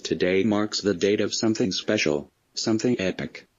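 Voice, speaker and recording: A man with a disguised, pitched-down deep voice, reading a scripted statement in a flat, measured, ominous way, as an anonymous spokesman. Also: dry recording. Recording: dull lo-fi, dry sound.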